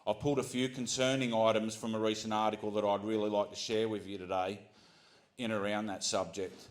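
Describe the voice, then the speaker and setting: An Australian man giving an earnest prepared speech to a community gathering, often pausing with ums and restarting his sentences. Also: on the low side. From Central Coast of New South Wales, Australia. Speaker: community speaker.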